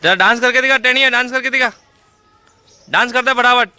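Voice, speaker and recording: A man's voice: very high voice, fairly quick, sharp tone, smooth, dry recording. A man vlogging outdoors in a neighborhood lane, chatting playfully and teasing local kids. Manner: playful, teasing, talks to the camera as "guys". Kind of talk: casual vlog chat with neighborhood kids.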